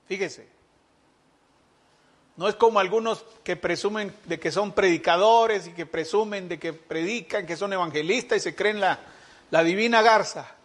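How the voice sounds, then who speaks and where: A man's voice: sits high, moderate pace, fairly bright tone. A man preaching a sermon to his congregation, emphatic, with rhetorical questions and voices of imagined speakers. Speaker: pastor.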